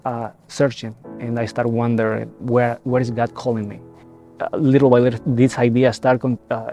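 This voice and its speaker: Young man from El Salvador, gravelly and halting, soft music underneath. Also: mid-range voice. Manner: halting, many repeated words and restarts. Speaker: seminarian. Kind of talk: reflective personal testimony.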